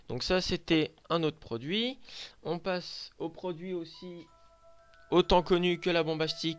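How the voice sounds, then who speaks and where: A man from Lorraine in France, hesitantly presenting his handmade collection in a casual show-and-tell video, with many filler sounds. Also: on the high side.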